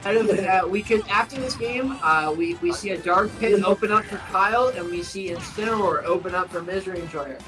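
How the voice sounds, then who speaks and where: High-voiced excitable young male commentator. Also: a little fast, few pauses, over music, low-quality recording. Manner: excitable, bursts into loud shouts. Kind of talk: esports play-by-play commentary.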